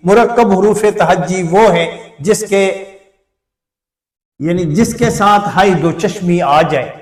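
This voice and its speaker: A man with an Urdu accent teaching at a deliberate, slow pace in a fairly high voice. He repeats sample words carefully to show their pronunciation. The sound is roomy and comes from some distance away from the mic. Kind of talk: slow blackboard lesson.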